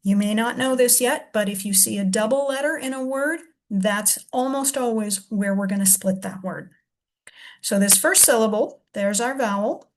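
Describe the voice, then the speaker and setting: A woman teaching a reading lesson, patiently sounding out syllables slowly and explaining each step. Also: a little high. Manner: slow, deliberate sounding-out of syllables.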